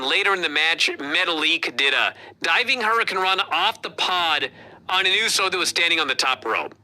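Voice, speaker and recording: A podcast co-host giving a casual wrestling review, retelling the match play by play with lots of swearing. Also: mid-range voice. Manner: profane, animated play-by-play retelling.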